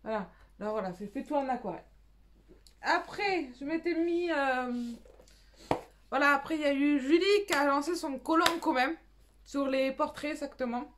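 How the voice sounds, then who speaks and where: Young woman, high-pitched, chatty, rambling, filler-heavy, casual home vlog. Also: moderate pace, a little hiss or hum. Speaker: coloring channel host. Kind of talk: casual chat, showing coloring purchases.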